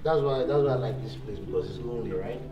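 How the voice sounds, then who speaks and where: A man's voice: mid-range voice, fast, dull audio. A man sheltering in an abandoned house, talking casually and emphatically in an empty room, filmed from a distance. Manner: casual, says "bro" often, emphatic. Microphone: camera held at a distance. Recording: echoey empty room, far from mic.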